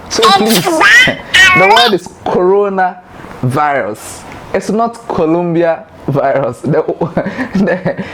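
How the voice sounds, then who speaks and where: Ghanaian man, host, playful, laughing, high mock voices, fairly high voice, lively pitch. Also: slight background noise. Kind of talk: light educational talk.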